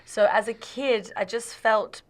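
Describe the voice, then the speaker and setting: A woman's voice: a little high, measured pace. A woman, a podcast guest talking casually, laughing easily and restarting her sentences often. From Australia. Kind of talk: casual conversation.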